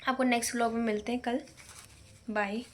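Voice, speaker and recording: Young woman, fairly high voice, casual daily vlog, talks to phone camera, light background noise. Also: flat delivery, fairly quick. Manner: chatty, talks straight to camera, mixes English words. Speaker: vlogger and home tutor. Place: home, indoors.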